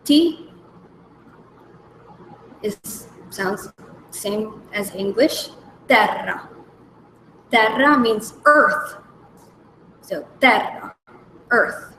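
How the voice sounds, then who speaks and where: A woman hosting a language lesson, slowly naming each letter and repeating example words with care. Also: fairly high pitch, bright, forceful tone, a little hiss or hum. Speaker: language segment host. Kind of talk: slow, careful alphabet lesson. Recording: echoey room with faint background ambience.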